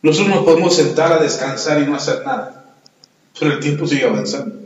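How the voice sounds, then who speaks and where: A pastor preaching a sermon and telling stories, often putting questions to the congregation. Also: male voice, on the high side, quick pace, dull audio. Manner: storytelling, asks the congregation questions. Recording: echoey hall, long reverb.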